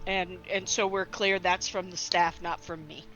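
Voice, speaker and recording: A woman's voice: fairly low pitch, steady tone, unhurried, a bit bright. A woman playing a tabletop game, chatting casually in a hesitant, rambling way. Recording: dull lo-fi audio, faint music.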